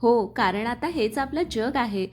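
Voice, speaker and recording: A woman's voice: a little high, a little slow, slight background noise, lightly acted. A woman voicing a young husband who speaks firmly and earnestly in a story reading. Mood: tender. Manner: firm, earnest. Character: young husband, firm and protective.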